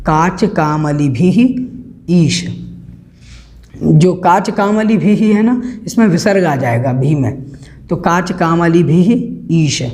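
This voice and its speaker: A man teaching a recorded scripture lesson, explaining the text slowly and repeating words to show how they are pronounced. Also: high voice, darkish tone. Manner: slow, careful, repeats words for pronunciation. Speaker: religious teacher.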